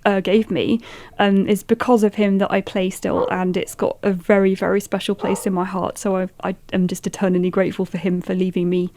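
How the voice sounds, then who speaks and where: A woman's voice: medium pitch, level tone, brisk, darkish tone. Earnest woman musician guest. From Wales. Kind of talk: radio interview. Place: radio studio.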